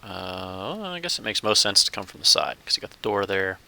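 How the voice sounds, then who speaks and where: A man's voice: low-pitched, animated, fairly quick, vocal fry, pushed and bright. A man casually talking through his gameplay as a channel host, thinking aloud and chuckling now and then. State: hiccups. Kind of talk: casual let's-play commentary.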